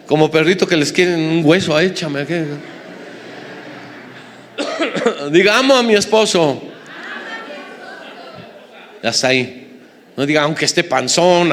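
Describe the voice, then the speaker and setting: Pastor, male, high-pitched, emphatic sermon with humorous asides, long hall reverb. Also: fairly bright tone. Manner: emphatic, repetitive, joking asides to the congregation. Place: church hall with congregation.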